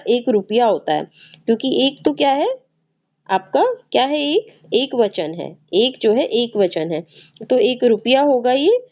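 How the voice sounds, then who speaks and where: A woman's voice: high-pitched, dark tone. A woman teaching an exam-prep grammar lesson with a Hindi accent from north India, explaining patiently and repeating words as she checks in with her listeners. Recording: slightly dull, muffled recording.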